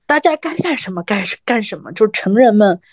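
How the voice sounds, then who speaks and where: A woman's voice: mid-range voice, animated, quick pace, darkish tone, no echo, studio quality. A woman in her thirties co-hosting a podcast, telling a personal story in a reflective, conversational way. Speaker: podcast co-host.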